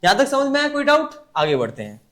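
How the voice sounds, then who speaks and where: A male teacher leads an online lesson in a high, animated voice, his pitch swinging widely. He repeats each point and quizzes the class to answer back, talking casually like an older brother. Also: fast talker. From India. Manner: repetitive call-and-response teaching; colloquial, addresses class as brother.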